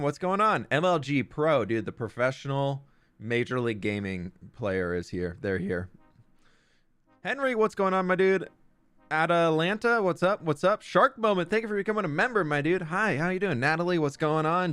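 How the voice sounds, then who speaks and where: A man's voice: on the high side, fairly bright tone, smooth, no room sound. A young man live-streaming from a room at home, chatting casually and greeting viewers by name. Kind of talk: casual live-stream chat while gaming.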